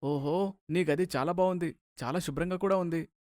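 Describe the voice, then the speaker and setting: Man doing chatty old friend, higher voice, dry close sound. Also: moderate pace, a little mellow, no room sound, lightly acted. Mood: friendly.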